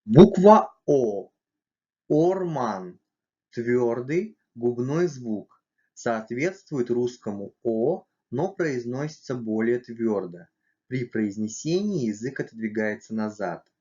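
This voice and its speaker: Slow, careful male teacher, dull sound. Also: medium pitch, lively intonation, a little mellow. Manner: slow, careful, spelling out letters and sounds one by one. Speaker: language teacher. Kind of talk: scripted lesson narration.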